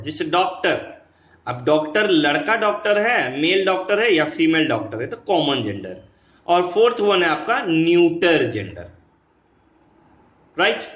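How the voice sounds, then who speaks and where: A man with a high voice and an Indian English accent teaches children grammar at an unhurried pace. He keeps checking that the class follows along. The voice rings in an echoey room. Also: fairly bright tone. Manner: mixes Hindi and English, asks checking questions.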